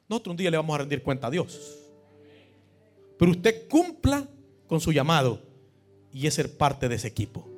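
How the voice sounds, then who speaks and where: A preacher with a high voice, who tells his stories by acting out the dialogue and then rises to loud, urgent calls to the congregation. Soft music plays faintly behind him. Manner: storytelling, acts out dialogue, rises to loud exhortation. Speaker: pastor. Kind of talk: sermon.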